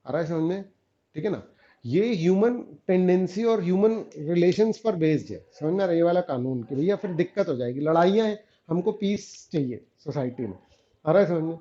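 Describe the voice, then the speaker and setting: A man's voice: fairly high pitch, animated, fairly quick, warm tone, muffled recording. A man teaching a revision lecture, often stopping to ask the students whether they follow and calling them beta and guys.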